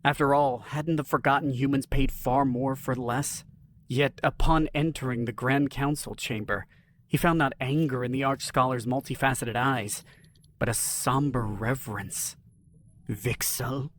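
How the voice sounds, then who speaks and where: A man narrating a scripted science-fiction story in an even, dramatic storytelling manner. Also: medium pitch, moderate pace, a little hiss or hum.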